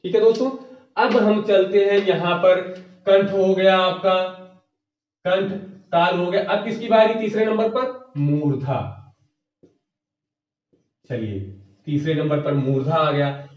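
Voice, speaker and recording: A man's voice: high voice, steady tone, takes it slowly, pauses often, a little mellow. A man teaching an exam-prep grammar lesson, asking the class questions and answering them himself, often repeating the key terms. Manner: repeats key terms, addressing viewers as friends. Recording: echoey, distant, dull lo-fi room sound.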